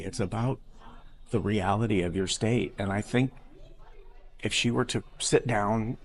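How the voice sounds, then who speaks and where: A middle-aged man from Iowa, a drag performer speaking openly and earnestly in an interview, sometimes halting and restarting. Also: medium pitch. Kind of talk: candid interview talk.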